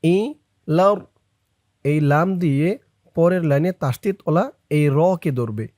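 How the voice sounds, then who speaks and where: A man teaching Quran reading who chants verses slowly and breaks them down syllable by syllable with short spoken explanations in between. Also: a little high, animated, a little mellow, no echo, clean studio sound. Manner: slow drawn-out recitation alternating with quick spoken explanations. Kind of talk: Quran recitation lesson.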